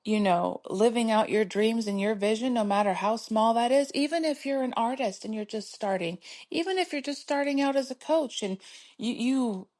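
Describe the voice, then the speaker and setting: Speaking at a normal pace in a slightly mellow voice on the high side, a middle-aged woman talks solo on her podcast. She encourages listeners to keep going, soothing them and laughing often.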